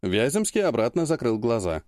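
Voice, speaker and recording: A man's voice: mid-range voice, very animated, brisk, darkish tone, dry recording, clean studio sound. A man narrating an audiobook, reading the story aloud. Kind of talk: scripted narration.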